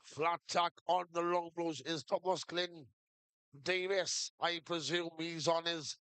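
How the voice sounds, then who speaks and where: A man's voice: fairly high pitch, steady tone, slow, a bit bright, clean tone, dry recording. A man commentating live on a sheep shearing competition, calling the action in short play-by-play phrases. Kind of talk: live sports commentary to a crowd.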